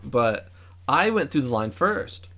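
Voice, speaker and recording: A podcast co-host chats casually at a table at home, telling a story full of hesitation, ums and restarts. His mid-range voice is sing-song, slow, pushed and bright.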